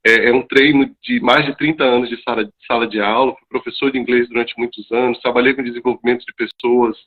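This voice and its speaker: A calm, articulate man, answering questions on a live video call. His voice comes through dull and lo-fi, with little top end. He speaks at a middle pitch, steady and reflective. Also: fast. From Salvador, Bahia, Brazil. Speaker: guest, teacher.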